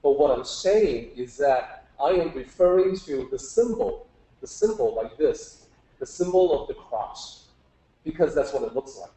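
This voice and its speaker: A medium-pitched, mellow, animated male voice moves at a measured pace. In a roomy, echoing setting, the teacher informally explains Chinese characters step by step to his audience and keeps asking them questions.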